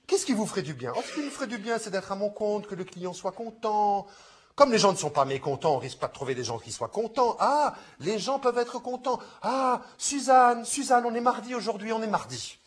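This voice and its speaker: A man's voice: high-pitched, big pitch swings, brisk, husky. A man reading short comic plays aloud, taking on every part himself and switching between character voices.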